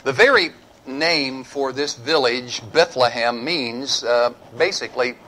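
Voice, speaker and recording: A middle-aged man preaching a church sermon, building to emphatic points and dropping to a hushed altar call. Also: mid-range voice, unhurried, poor audio. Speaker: pastor. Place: church sanctuary.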